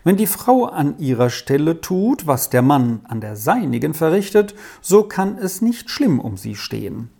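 A reader voicing a calm, good-natured older major who speaks reassuringly. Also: mid-range voice, unhurried, creaky, hardly any pauses, husky, heavily acted.

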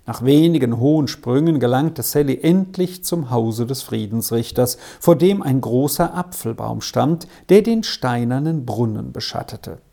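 A narrator reading a children's story aloud in a calm, measured way. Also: medium pitch, creaky. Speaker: audiobook narrator.

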